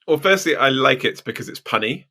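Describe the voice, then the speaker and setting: A man co-hosting a casual podcast chat, explaining ideas clearly and laughing easily. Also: mid-range voice, lively intonation, brisk, bright, forceful tone. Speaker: podcast co-host.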